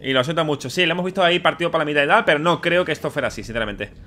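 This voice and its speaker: Guy streamer doing wry game commentary, talks fast, bright voice, faint game noise behind. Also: on the high side. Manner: chatty, wry asides to viewers. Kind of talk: casual gameplay commentary. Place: small gaming room at home. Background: faint horror game sound.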